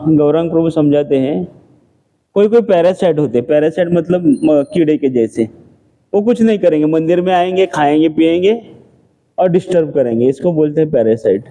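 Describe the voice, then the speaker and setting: A man's voice: a little high, moderate pace, dark tone. A man giving a scripture class in a temple, talking conversationally and answering his own rhetorical questions. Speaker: temple lecturer.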